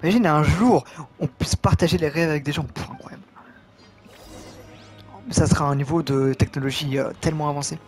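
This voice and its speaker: A man's voice: fairly high pitch, fairly quick, long pauses, darkish tone, soft background music. A man casually commenting on a game walkthrough, correcting himself often, his voice getting tired. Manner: rambling, self-correcting, reads game text aloud. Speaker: gaming video host.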